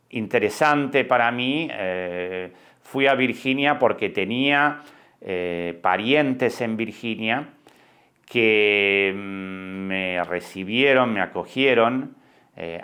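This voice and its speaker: Slow-speaking older Argentine man. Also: fairly low pitch, sharp tone. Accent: Argentine Spanish. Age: 60s. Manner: slow, reflective, with frequent hesitations. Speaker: podcast host and documentary director. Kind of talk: personal podcast monologue.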